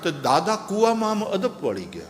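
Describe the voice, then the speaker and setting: A man's voice: high voice, wildly swooping pitch, moderate pace. A man telling a parable in a sermon, who acts out the voices in the story. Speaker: religious storyteller. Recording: echoey hall with long reverb.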